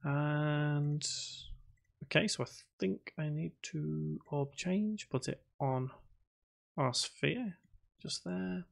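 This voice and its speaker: Drawing out his words in a fairly high, gravelly voice, a man thinks out loud while coding on a casual live stream. He reads the chat's questions aloud, talks to himself as he types, and labels his voice boring.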